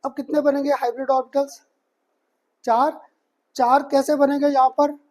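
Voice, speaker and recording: A man's voice: very high-pitched, little pitch movement, normal speed, darkish tone. A male chemistry teacher giving a chatty classroom lecture, mixing English terms into his speech and often checking whether students have understood. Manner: chatty, keeps asking students if it is clear; mixes English technical terms into Hindi.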